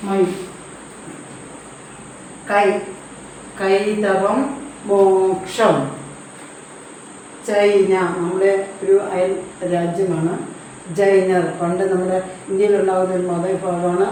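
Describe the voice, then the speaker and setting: A woman's voice: on the low side, little pitch movement, slow, pauses often, dark tone, a little hiss or hum. A woman teaching a language lesson, spelling out syllables one by one, repeating each word and patiently explaining what it means. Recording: echoey room heard from a distance.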